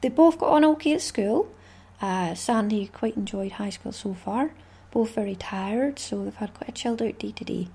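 A woman's voice: mid-range voice, normal speed, few pauses, warm tone, husky. A Scottish woman hosting a craft podcast, talking in a chatty, rambling way with small laughs. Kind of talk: casual solo podcast chat.

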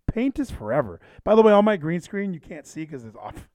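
A man's voice: high voice, very animated, brisk, a little mellow, no room sound, studio quality. A man hosting a podcast in casual, rambling chat, often interrupting and repeating himself. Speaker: podcast and livestream host. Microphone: handheld microphone.

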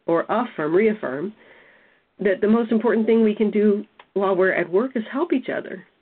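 A woman's voice: medium pitch, husky. A woman leading a Bible study discussion, speaking thoughtfully and searching for her words. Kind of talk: reflective group discussion. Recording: tinny phone or call line.

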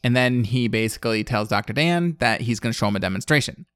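A man's voice: medium pitch, lively intonation, fast talker, fairly bright tone, clean tone, no echo, clean studio sound. A man in his thirties hosting a podcast, recapping a film in casual chat, blunt and sarcastic, with plenty of fillers. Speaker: podcast host.

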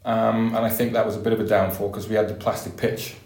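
Middle aged guy w welsh valleys accent, pretty flat delivery, hesitant, echoey room, chatting about old times. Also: on the low side, fast, a crowd in the background. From Merthyr Tydfil, south Wales. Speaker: podcast guest, former footballer. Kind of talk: reminiscing in a casual interview. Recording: roomy, echoey sound.

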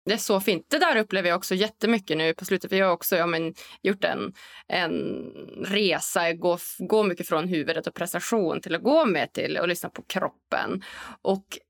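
A woman hosting a podcast in casual conversation, lively and quick to act out what other people say. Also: fairly low pitch. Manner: lively, acts out others' lines in a raised voice. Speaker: podcast host.

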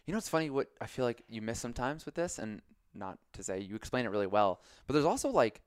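A man co-hosting a podcast, chatting casually and telling stories with lively shifts of voice. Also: quick pace, smooth, no echo, studio quality. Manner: animated storyteller, jumps into high voices for quotes. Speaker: podcast co-host; coach.

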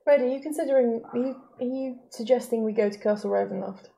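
A woman's voice: a little high, fast talker, vocal fry, dark tone. A woman playing a tabletop role-playing game, talking casually in and out of character. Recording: echoey room.

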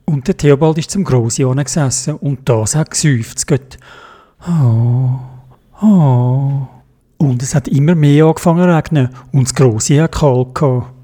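A man with a Swiss German accent reading a children's story aloud, gentle and expressive. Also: fairly high pitch, normal speed, hardly any pauses.

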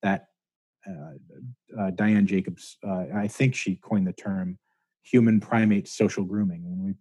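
A low-pitched man with a husky, mellow voice, talking thoughtfully as a chiropractor guest. He explains at length and hedges his claims. The sound is dry and close to the mic. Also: little pitch movement, measured pace, dry recording. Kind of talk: casual interview talk.

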